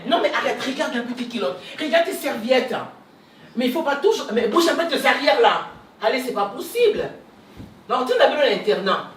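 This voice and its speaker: Woman as a scolding mother, high lively voice, echoey room from far off, faint hiss. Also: normal speed. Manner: nagging, exasperated. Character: nagging mother scolding her grown children. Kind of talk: Congolese film acting.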